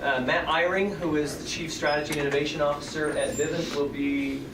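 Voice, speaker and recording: A man's voice: fairly high pitch, fairly even intonation, a little fast. A man teaching a class, chatty and conversational with fillers. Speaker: professor. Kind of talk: classroom lecture. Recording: roomy classroom audio from far off, loud background noise.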